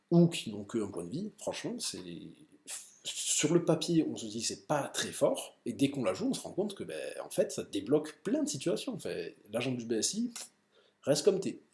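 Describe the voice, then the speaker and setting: A man casually explaining card game decks with enthusiasm, full of fillers and quick self-corrections. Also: mid-range voice, a little mellow, reverberant. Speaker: card game deck presenter.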